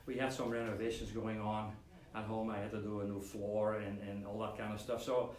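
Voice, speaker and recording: A man's voice: fairly low pitch, flat delivery, fairly quick, a little mellow. A man hosting a casual weekly live stream, talking in a loose, rambling way with lots of fillers and restarts. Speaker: host of a weekly model-kit live stream. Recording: roomy echo, speaker away from the mic, faint room hum.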